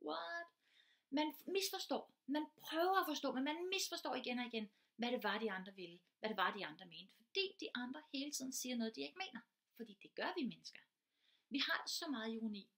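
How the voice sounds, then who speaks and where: An earnest woman teacher gives an informal lecture. Her voice sits a little high, and she explains patiently, piling up concrete everyday examples to make each point clear. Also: very animated, a bit bright.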